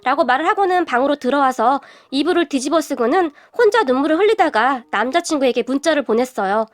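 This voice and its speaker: A young woman narrating a scripted first-person story in a steady, confessional way. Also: sits high, quick pace, no echo. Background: faint music.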